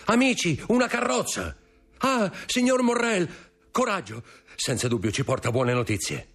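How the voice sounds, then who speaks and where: A man voicing an excited male party guest calling out loudly, as in an audiobook. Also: mid-range voice, brisk, husky, voice pushed up, lightly acted.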